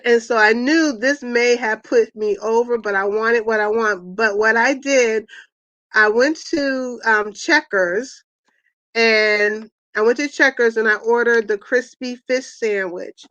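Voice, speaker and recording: A middle-aged woman hosts a casual online wellness chat, wandering through her thoughts with plenty of ums and restarts. Her voice sits a little high. The recording is dry and close, with a dull, lo-fi tone. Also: slow pace, fairly bright tone, no echo. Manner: rambling, many fillers and restarts. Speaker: host of an online wellness party. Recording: dull, lo-fi sound.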